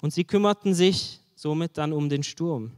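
A man's voice: a little high, moderate pace, a little mellow, smooth, big-room sound. A man preaching a sermon in an earnest way, putting direct questions to his listeners.

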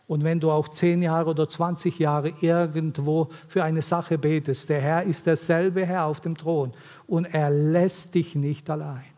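A man's voice: a little high, level tone, measured pace, warm tone. A man preaching an earnest, pleading sermon to mothers in a church, his delivery swelling and dropping. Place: church hall. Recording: long hall reverb.

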